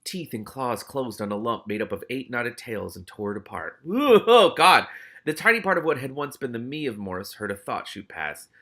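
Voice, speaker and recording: A man reads a novel aloud with drama, then breaks into casual, exclamatory and sweary commentary. He's very animated, speaking at a moderate pace in a mid-range voice with a sharp tone.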